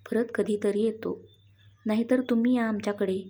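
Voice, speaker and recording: Woman reading as a young husband, brisk and teasing, mellow husky tone. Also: medium pitch, steady tone, lightly acted. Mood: firm. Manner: firm, then playful.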